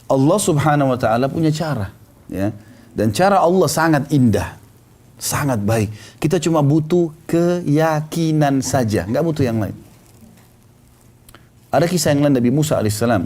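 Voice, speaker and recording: A middle-aged male preacher tells a story in a mellow, warm voice. He talks at a middling pitch and acts out the people in it, his voice rising and falling as he goes. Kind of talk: storytelling sermon.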